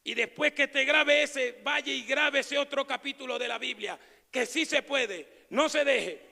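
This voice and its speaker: A man preaching an evangelical sermon as pastor, swinging between shouted proclamation and low, quiet asides. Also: a little slow, gravelly, long reverb tail.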